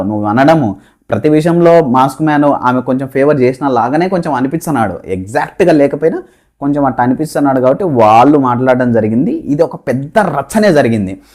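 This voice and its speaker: Male commentator, mid-pitch, chatty, opinionated recap, light chuckles. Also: a little mellow. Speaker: show commentator. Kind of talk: casual reality-show recap.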